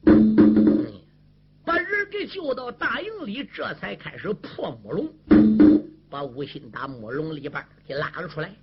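A man's voice: high voice, big pitch swings, normal speed, over loud music. A man performing traditional sung-spoken storytelling, chanting the narration rhythmically. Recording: lo-fi with loud drum and string accompaniment.

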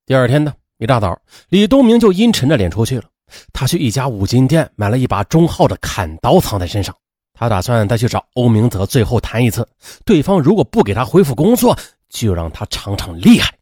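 Husky male true-crime storyteller. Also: mid-range voice, dark tone, no room sound, studio quality. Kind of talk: dramatic true-crime narration.

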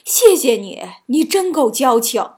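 A woman voicing a big male tiger who is gullible and quick to anger, in a children's storybook reading, speaking his lines loudly. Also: high voice, sing-song, husky, full character voice.

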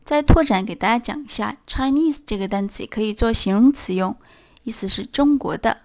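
Dry, clear woman teaching beginners. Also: fairly high pitch, darkish tone, dry recording. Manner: slow, careful model sentences; spells words letter by letter. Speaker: English teacher. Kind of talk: beginner language lesson.

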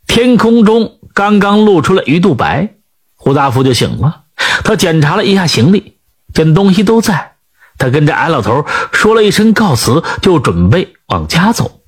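Husky, animated male storyteller. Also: fairly high pitch, normal speed. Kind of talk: storybook narration.

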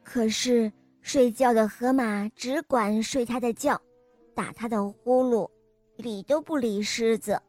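High-voiced woman reading a kids story. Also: measured pace, no room sound, faint music behind. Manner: lively, expressive reading. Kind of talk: children's story narration.

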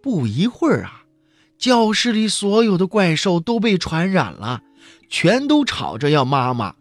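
Man, children's storyteller, animated pitch, faint guitar music. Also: measured pace, no room sound. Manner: animated, expressive storytelling with exclamations. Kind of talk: reading a picture book aloud.

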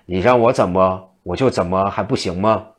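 A playful, eccentric trickster monk , as a man puts him on teases with mock timidity in a storybook tale. The voice is low and only lightly changed from the narrator's own. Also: normal speed. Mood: teasing.

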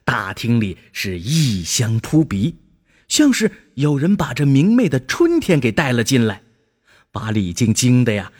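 A man narrating a scripted children's story in an expressive way, drawing out his exclamations. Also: on the low side, slightly rough.

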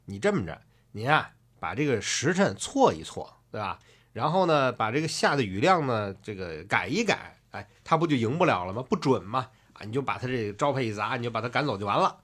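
A man's voice: medium pitch, very animated, brisk, fairly bright tone. A man voicing a male advisor who coaxes his master with a sly scheme. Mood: scheming. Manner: coaxing, conspiratorial.

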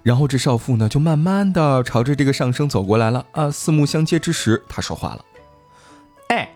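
A man's voice: mid-range voice, lively intonation, fast talker, a little mellow, soft background music. A man hosting a podcast, retelling an old folk tale casually with jokes and asides. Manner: playful, joking asides. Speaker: storytelling podcast host. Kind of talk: casual storytelling with banter.

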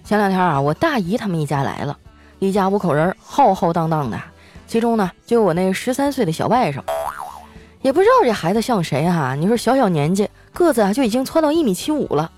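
A playful young woman tells comic stories from her own life, laughing often as she goes. Her pitch is very lively, and faint music plays underneath. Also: brisk. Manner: playful, giggly. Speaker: podcast host. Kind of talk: comic storytelling.

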